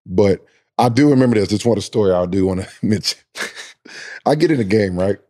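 A young man hosting a casual chat, slangy and joking, chiming in with quick agreement and his own stories. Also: on the low side, expressive, mellow. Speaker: podcast host, former college player.

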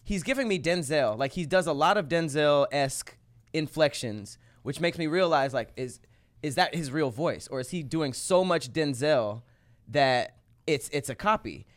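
An American man in casual chat, talking in a slangy, animated way. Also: a little high, moderate pace.

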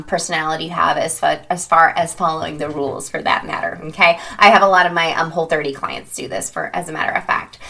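A woman's voice: lowish voice, pushed and bright. A woman hosting a self-help podcast, talking in an upbeat, chatty way and playfully exclaiming. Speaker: podcast host and habit coach. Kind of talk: casual podcast monologue.

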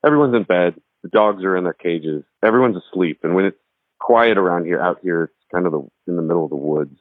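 A Texan musician sits at his house in the woods and recounts a ghost story in a loose, rambling manner, restarting now and then. He speaks a little fast in a deep voice, and the recording is dry and thin, like a phone.

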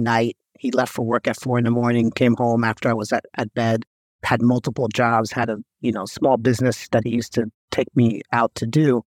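A man's voice: mid-range voice, darkish tone, no room sound. Earnest man telling a story, dry sound. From New York. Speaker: guest. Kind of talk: interview conversation.

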